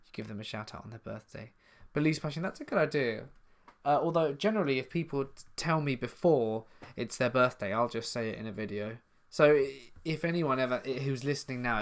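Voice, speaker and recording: Speaking in a creaky, medium-pitched voice with a southern English accent, a man from the south of England hosts a live stream Q&A for his horror story channel. He's casual and chatty, reading out viewers' comments and then responding to each.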